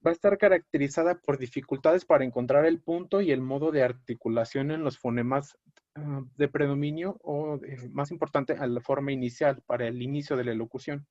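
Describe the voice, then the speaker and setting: A man lecturing on a clinical topic in a measured, explanatory way, often pausing on fillers and correcting himself mid-word. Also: mid-range voice, darkish tone, no echo. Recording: dry, dull lo-fi audio.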